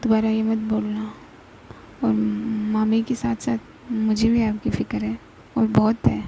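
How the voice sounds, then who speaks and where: A woman storyteller voices a soft-hearted young woman, teary and caring. The tone is dark and mellow, gravelly and even. It is a simple spoken storybook reading. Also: a little high, a little hiss or hum, rough recording.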